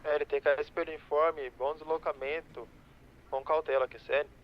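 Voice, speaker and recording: A man's voice: on the high side, steady tone, normal speed, a little hiss or hum. A man working as a police dispatcher in a game roleplay, heard over a police radio, answering in clipped radio codes. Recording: dull lo-fi radio voice.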